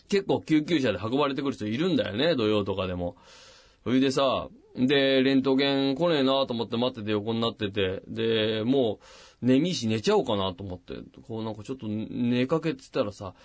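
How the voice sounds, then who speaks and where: A man hosting a late-night radio show, casually telling a long personal story and acting out the voices of the people in it. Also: no room sound. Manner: animated, acts out quoted voices with big pitch jumps. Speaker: radio host. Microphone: studio microphone.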